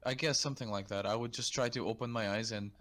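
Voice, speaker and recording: A man co-hosting a podcast in casual chat, recounting things in a calm, measured way with dry asides. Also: lowish voice. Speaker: podcast co-host.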